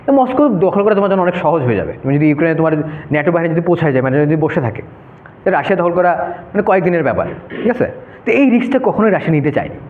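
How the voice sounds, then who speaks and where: A man's voice: fairly high pitch, very animated, very fast, slight background noise. A young man giving an informal classroom lecture, talking students through a map and often checking "okay?". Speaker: debate workshop instructor. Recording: echoey room, phone-like narrow sound.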